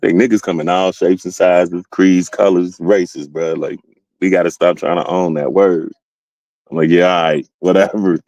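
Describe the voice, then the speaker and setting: A man's voice: low voice, moderate pace, dry recording, poor audio. A man from Ohio in casual conversation, telling stories and acting out what other people said. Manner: animated storytelling, acting out other people's lines. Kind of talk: casual chat.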